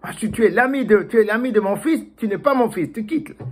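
A man voicing a stern, prejudiced father mouse in a storybook, with a husky voice. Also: on the high side, big pitch swings, brisk, fairly bright tone, voice pushed up, full character voice. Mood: angry.

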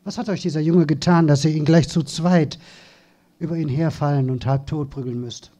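A stern grown stranger, as a man reads him aloud demands answers in a firm voice. The tone stays dark and mellow, pitched a touch high, in a storybook reading. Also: normal speed, lightly acted. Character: stern adult male stranger, protective.

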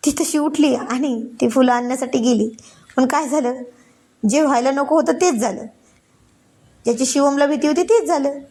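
Woman telling a story, fairly high voice. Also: vocal fry, a little mellow. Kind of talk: story narration.

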